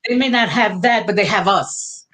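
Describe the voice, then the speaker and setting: A woman's voice: medium pitch, moderate pace, fairly bright tone, slight background noise. A woman from Brooklyn with a New York Puerto Rican accent, speaking heartfelt in a panel discussion and mixing Spanish phrases into her English. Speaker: panel guest.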